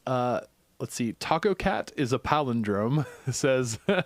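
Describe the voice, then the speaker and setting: A man's voice: medium pitch, animated, a little slow, no room sound. A man from Pittsburgh co-hosting a live stream, reading viewer comments aloud with frequent fillers. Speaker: co-host reading live chat. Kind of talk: casual live-stream chat.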